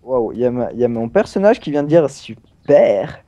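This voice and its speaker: A man's voice: medium pitch, sing-song, normal speed, dark tone, lo-fi sound, slight background noise. A young man hosting a casual let's play, chatting playfully with many fillers. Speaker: gaming channel host.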